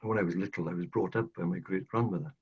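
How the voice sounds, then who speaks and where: Older welsh guy telling his story, low and a bit husky, kinda muffled audio. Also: racing. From South Wales. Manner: earnest, emphatic, repeats phrases for stress. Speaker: podcast guest. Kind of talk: casual storytelling interview. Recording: dull lo-fi audio.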